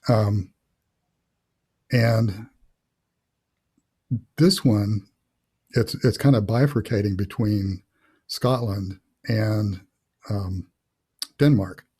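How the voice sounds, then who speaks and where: Mellow, husky man rambling on a call. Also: lowish voice, drawn-out words, pauses often. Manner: rambling, thinks aloud with many fillers. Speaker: author and host. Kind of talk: casual interview chat.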